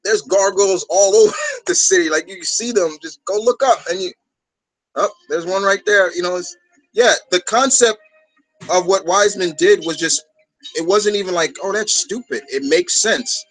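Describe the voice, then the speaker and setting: A man's voice: high voice, normal speed, a bit bright, faint music behind, rough recording. A man from New York hosting a fan discussion, chatting casually in a rambling, enthusiastic way. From New York, United States. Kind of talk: casual chat.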